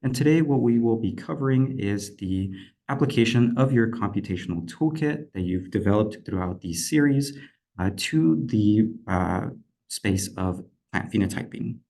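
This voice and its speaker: A young man, a PhD candidate, presenting an online lecture in a steady, explanatory way. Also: lowish voice, normal speed, creaky. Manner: steady, explanatory, occasional fillers.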